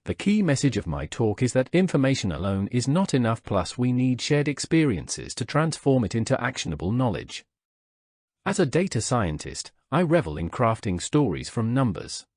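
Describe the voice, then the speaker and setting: A man from Slovakia giving a prepared conference lecture, with a measured, deliberate delivery and rhetorical questions. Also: mid-range voice, sing-song, a little mellow, no echo, studio quality. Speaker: lecturer, vice president of a research institute.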